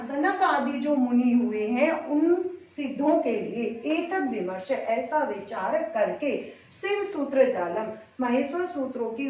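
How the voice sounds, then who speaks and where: A woman with a Hindi accent teaching Sanskrit grammar in a slow lesson, reciting syllables one by one with careful pronunciation. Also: sits high. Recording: echoey room, distant dull mic.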